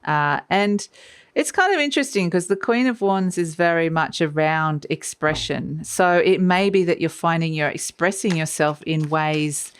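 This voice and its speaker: Woman tarot reader, deep and smooth, for a mystical horoscope reading; conversational and musing. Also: normal speed.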